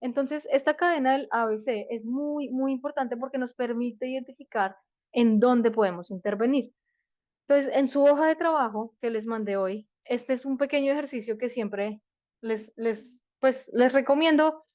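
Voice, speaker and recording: A woman's voice: a little high, normal speed, dry recording. A woman presenting a live parenting workshop, explaining step by step and often checking in with rhetorical questions. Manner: explanatory, asks rhetorical questions, many fillers. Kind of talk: live online workshop talk. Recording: dull dry lo-fi sound.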